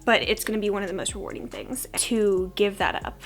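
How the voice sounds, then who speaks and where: A woman's voice: medium pitch, brisk, soft background music. A young woman talks in a casual, chatty beauty-vlogger style. Her voice sounds froggy, as if she is a bit sick. She keeps an informal, self-deprecating way of talking, as though getting ready alongside friends. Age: young adult. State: sick with a cold-like hoarseness.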